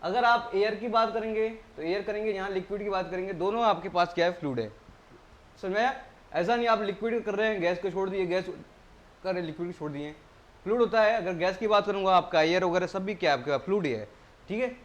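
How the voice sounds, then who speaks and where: सवाल पूछता ऊँची आवाज़ वाला पुरुष शिक्षक. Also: male voice, sits high, fast, muffled recording. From India. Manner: asks the class questions and answers them himself; keeps repeating key terms. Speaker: engineering exam tutor. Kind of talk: classroom lecture.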